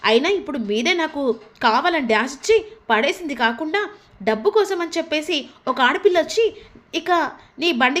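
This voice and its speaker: A woman voicing a fiery, outspoken young woman who argues loudly in a recapped TV story. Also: high voice. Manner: loud, quarrelsome.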